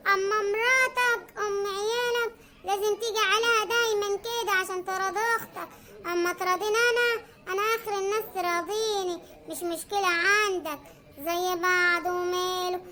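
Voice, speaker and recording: A woman's voice: very high voice, bright, forceful tone. A woman with an Egyptian accent playing an aggrieved wife in a comic family skit, sarcastic and complaining. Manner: sarcastic, complaining, sighing for patience. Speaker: content creator playing the wife.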